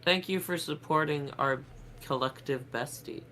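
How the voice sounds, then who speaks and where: A man's voice: a little high, unhurried, pushed and bright, poor audio. A man with a stuffy nose from a cold, chatting casually on a game stream. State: congested with a head cold, blocked nose. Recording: clear background noise.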